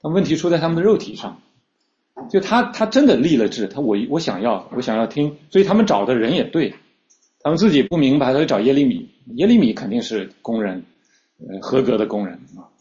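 A male preacher delivers a teaching sermon in a relaxed, conversational manner, often pausing on fillers and restarting his phrases. His voice sits at an ordinary middle pitch, and the recording sounds a little dull and lo-fi. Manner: conversational teaching, frequent fillers and repeated starts.

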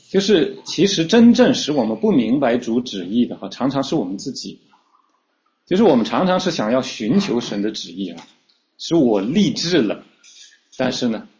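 A male preacher delivers a teaching sermon in a relaxed, conversational manner, often pausing on fillers and restarting his phrases. His voice sits at an ordinary middle pitch, and the recording sounds a little dull and lo-fi. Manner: conversational teaching, frequent fillers and repeated starts.

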